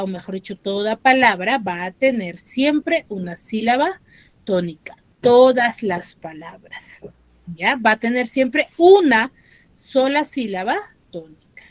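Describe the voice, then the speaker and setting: Recorded dry on a close mic, a slightly high female voice with a Peruvian Spanish accent leads an online school lesson. Patiently, she explains the material, slows on key words, and tosses in tag questions to make sure everyone keeps up.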